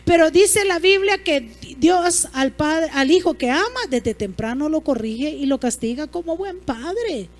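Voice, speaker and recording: A woman's voice: high-pitched, lively intonation, measured pace, few pauses, faint music behind. A woman pastor, preaching a sermon emphatically and asking the congregation rhetorical questions.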